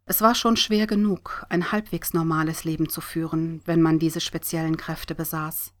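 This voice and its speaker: A woman narrating an audiobook in a steady, expressive reading voice. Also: low-pitched, normal speed.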